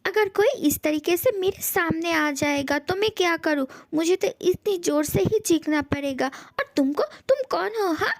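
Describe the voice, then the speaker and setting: A woman's voice: very high voice, animated, normal speed, few pauses, no echo. A woman voicing a brash young man who has just rented a room and scolds the stranger he finds there, in a fan audio story. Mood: scolding. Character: young man, new tenant, brash and jumpy.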